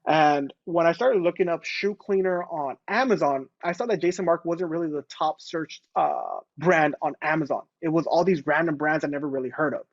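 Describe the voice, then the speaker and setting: A man in his late twenties, a guest on a casual video interview, talking in a relaxed way with many fillers. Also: fairly high pitch, moderate pace, few pauses, no room sound, highs cut off. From Los Angeles. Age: 20s. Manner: relaxed, fillers like "going ahead". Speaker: guest entrepreneur.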